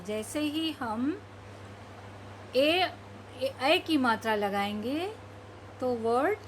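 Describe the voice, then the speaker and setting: A woman teacher leads a children's reading lesson in a bright, high voice, stretching every word out very slowly before explaining it. A faint hiss of room ambience sits under her speech. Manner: drawn-out word-by-word reading, then quick explanations. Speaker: primary school Hindi teacher.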